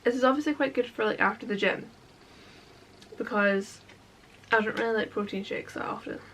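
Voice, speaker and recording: A woman's voice: medium pitch, moderate pace, fairly bright tone, slight background noise, rough recording. A young woman chatting casually through a product unboxing vlog, sometimes talking while eating. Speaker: vlogger.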